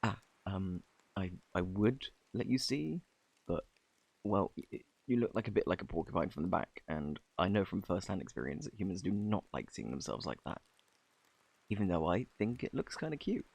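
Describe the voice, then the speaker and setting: A man with a British accent playing a flirty, bashful, kindly Cupid in an intimate ASMR romance roleplay, softly spoken, stammering and flustered. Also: sits low, very animated, creaky, breathy edge, exaggerated voice. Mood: flustered, apologetic. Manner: flustered, stammering, halting, apologetic.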